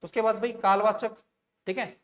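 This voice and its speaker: A man's voice: sits high, steady tone, normal speed, fairly bright tone. A man teaching an online grammar lesson, explaining step by step and often putting questions to his students, with frequent fillers. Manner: sprinkles fillers like "theek hai" and "bhai".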